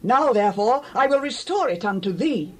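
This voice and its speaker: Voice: mid-range voice, lively intonation, moderate pace, close to an everyday voice. A performer playing a devout mother of a grown son in a dramatized Bible, solemn in manner. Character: Micah's mother, devout older woman.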